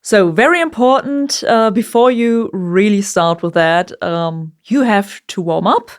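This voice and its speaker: Woman vocalist, clean clear tone, mid pitch, informal chatty tutorial delivery. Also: animated, unhurried. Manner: informal, chatty, occasional swearing. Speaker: vocalist giving a screaming tutorial. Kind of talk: casual instructional talk.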